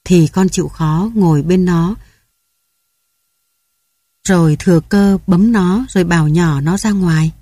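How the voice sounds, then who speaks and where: A woman's voice: fairly low pitch, measured pace, long pauses, mellow, dry recording, clean studio sound. Woman voicing a sobbing, cast-out young mother. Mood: hushed urgent. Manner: tearful, choked, pleading.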